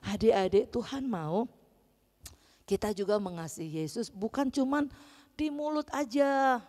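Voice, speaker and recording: Animated woman teaching Sunday school. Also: on the high side, unhurried. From Palembang, Indonesia. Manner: animated storytelling with playful voice shifts. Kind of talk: children's Bible lesson. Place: church hall. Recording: reverberant church hall.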